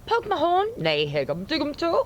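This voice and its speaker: A woman's voice: sits high, wildly swooping pitch, normal speed, a little hiss or hum, voice pushed up. A woman putting on a broad comic Irish accent, playing a rowdy Irish woman who swears and gushes. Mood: playful. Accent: Irish, put on. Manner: exaggerated, sing-song, swearing. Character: rowdy Irish woman gushing about bogs.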